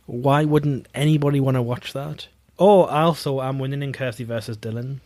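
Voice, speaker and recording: A man's voice: medium pitch, steady tone, normal speed, darkish tone, no room sound, clean studio sound. Man rambling jokily as podcast co-host. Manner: rambling and jokey, with frequent fillers and laughs. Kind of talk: casual chat.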